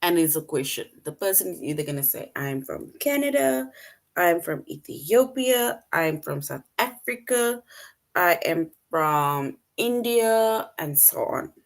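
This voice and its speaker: Slow, patient woman teaching children. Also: fairly low pitch, lively intonation, gravelly. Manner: patient, repeats points, checks in with "right?". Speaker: English teacher. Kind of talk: online lesson for young children.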